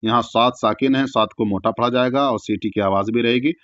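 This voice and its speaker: A man teaching Quran recitation, chanting each verse slowly with long drawn-out sounds and then explaining the rules quickly in plain speech. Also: mid-range voice, steady tone, a bit bright, no room sound, lo-fi sound.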